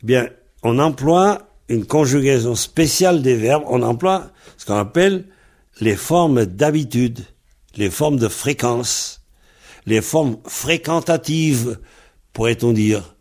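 Slow, patient male language teacher. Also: mid-range voice, expressive, darkish tone. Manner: patient, explains step by step and spells out letters. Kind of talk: spoken language lesson.

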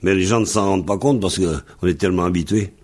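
A man's voice: low-pitched, quick pace, a little mellow. A man teaching Breton on a radio lesson, patiently repeating and spelling out word forms.

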